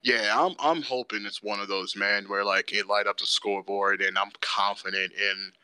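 A laid-back man co-hosting a sports podcast in casual chat. His voice is smooth and very bright, a little low, and recorded dry and close. He talks loosely, leaning on "dude" and "bro.". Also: steady tone, normal speed, dry recording. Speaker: podcast co-host.

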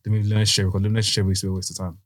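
Fast-talking London roadman podcast host, male. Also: fairly low pitch, flat delivery, a crowd in the background. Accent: London roadman, multicultural London English. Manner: slangy, repeats phrases. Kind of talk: casual wrestling podcast chat.

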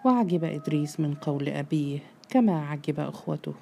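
امرأة تروي رواية بقراءة متزنة منتظمة. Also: female voice, sits low, animated, fairly quick, vocal fry, warm tone, a little hiss or hum. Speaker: narrator. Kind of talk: scripted narration of a novel.

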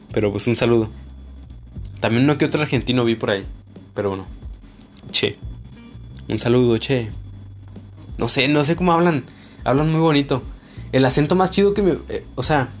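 A man's voice: mid-range voice, a little mellow. A young man from northern Mexico with a Juárez accent, hosting a casual solo podcast in a loose, rambling, slangy way full of fillers. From Ciudad Juárez, northern Mexico. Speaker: podcast host.

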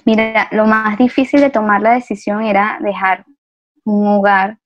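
A woman, an interview guest, telling her story in a reflective, measured way. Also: mid-range voice, little pitch movement, no echo. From Venezuela. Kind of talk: conversational interview. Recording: dry, dull lo-fi sound.

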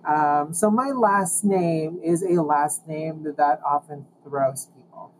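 Man in his thirties, from the Philippines, podcast guest, measured reflective answers, steady hiss behind him. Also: fairly high pitch, rough recording. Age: 30s. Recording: steady background noise.

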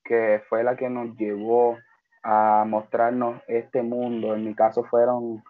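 A man's voice: mid-range voice, monotone, slow. A man hosting a casual interview, asking friendly, chatty questions full of fillers. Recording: phone-like narrow band.

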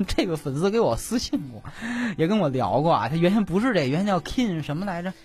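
A man's voice: sits high, huge pitch swings, normal speed, darkish tone, faint music behind. A man co-hosting a comedic chat show, reading listener comments aloud, teasing his co-host and laughing often. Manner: teasing, laughs often, stalls with repeated fillers. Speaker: podcast co-host.

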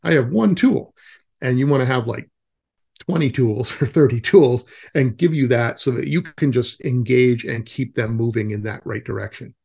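A man who is a guest forest educator in a casual podcast conversation, animated and acting out the voices of kids and parents. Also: medium pitch, moderate pace, gravelly, slightly rough.

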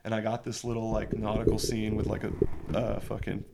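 Gravelly, rambling laid-back guy. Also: on the low side, completely flat delivery, a little fast, very noisy. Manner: rambling, slangy, full of "like" and swearing. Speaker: guest telling tattoo stories. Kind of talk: casual chat.

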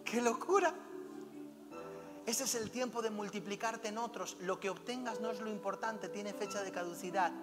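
A man's voice: high voice, moderate pace. A man preaching a fervent, exhorting sermon and weaving in personal anecdotes, heard in a reverberant hall with music playing. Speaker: pastor.

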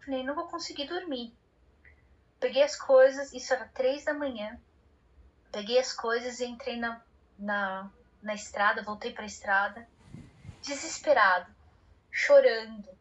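A woman, a cycle traveler telling a story as an interview guest, animated and often restarting her sentences. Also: fairly high pitch, unhurried, highs cut off. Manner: animated, many restarts, acts out her own past words.

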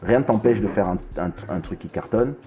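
A man's voice: lowish voice, lively intonation, fairly quick. A man born in the Congo hosting a casual music interview, talking with many restarts and repeated words. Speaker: host.

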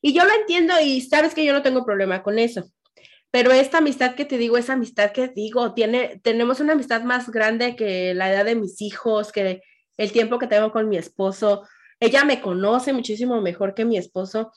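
A middle-aged woman with a Mexican accent, hosting a podcast and chatting casually in an animated way, with lots of fillers and quoted asides. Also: fairly high pitch, fairly quick. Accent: Mexican Spanish. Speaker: podcast host. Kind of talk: casual chat.

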